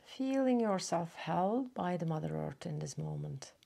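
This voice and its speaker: Animated yet gentle, a woman with a low, creaky voice guides a yoga nidra relaxation. She takes her time and pauses at length between instructions.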